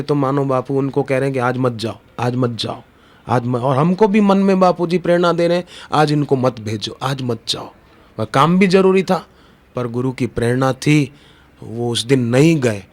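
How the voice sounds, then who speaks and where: A middle-aged man giving a devotional sermon, telling stories and drawing out sung verses slowly. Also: mid-range voice, a little mellow. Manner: slow, drawn-out sung verses between storytelling. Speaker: spiritual preacher. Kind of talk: devotional satsang discourse.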